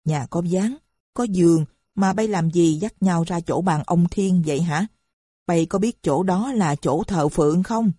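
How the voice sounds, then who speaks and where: A shrill, nagging old mother scolds her household, as a woman reader voices her. Her dark, husky voice sits over a dry, close recording, and she keeps up a steady stream of complaint. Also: unhurried, no room sound. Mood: grumbling.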